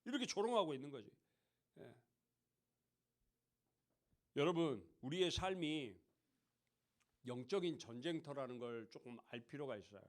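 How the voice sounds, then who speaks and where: A man giving a sermon to teenagers in a church hall, speaking conversationally, often asking the listeners questions and acting out mocking voices. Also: high voice. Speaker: youth pastor.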